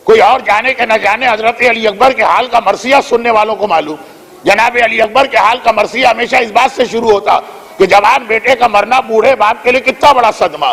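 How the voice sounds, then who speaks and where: A man's voice: high voice, a bit bright. A male preacher delivering a religious sermon, telling a moral story in an exhortative manner at a gathering. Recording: echoey hall reverb.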